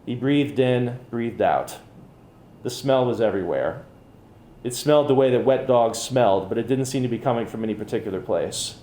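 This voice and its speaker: A man, an author, reading his own fiction aloud at a public reading with measured, even storytelling. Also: medium pitch, reverberant. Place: bookcafe reading event.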